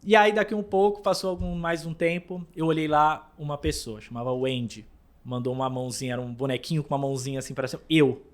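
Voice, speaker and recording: A man with a slightly high voice shares a personal faith testimony as a guest. His telling is animated: he jumps up in pitch and loudness, then drops to near-murmurs, and he often stumbles over repeated words. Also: fast.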